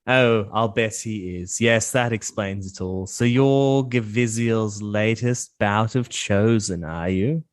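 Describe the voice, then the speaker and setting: A man voicing an arrogant male champion knight who talks with a slow, contemptuous drawl. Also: on the low side, dry recording, clean studio sound. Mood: sneering.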